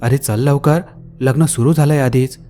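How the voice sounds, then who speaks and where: Brief: a man playing an easygoing, bold young friend, calm and teasing, mellow low tone. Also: normal speed, faint music behind, natural voice.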